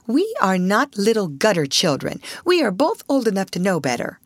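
A woman's voice: mid-range voice, sing-song, normal speed, no echo, studio quality, voice pushed up. A woman voicing a kind, motherly schoolgirl who is self-controlled and earnest, in a storybook reading. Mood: restrained anger. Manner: earnest, coaxing.

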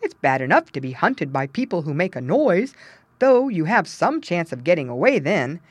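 A woman's voice: fairly low pitch, sing-song, moderate pace, husky, dry recording. A fussy, greedy old male woodchuck from a storybook talks in a sing-song, self-important way, as a woman reader acts him out. His voice sits a little above the narration. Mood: grumbling.

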